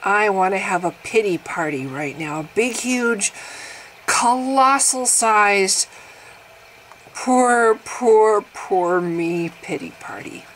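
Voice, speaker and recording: A woman in her early fifties vlogs at home, making fun of her own aches with big dramatic swings in her voice. Her pitch sits in the middle of the range, and a faint hiss lies under the talk. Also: expressive, slow pace, rough recording. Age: 50s. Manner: wry, exaggerated, laughing at herself, swings in pitch and loudness. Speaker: vlogger. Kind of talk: casual self-mocking monologue to camera.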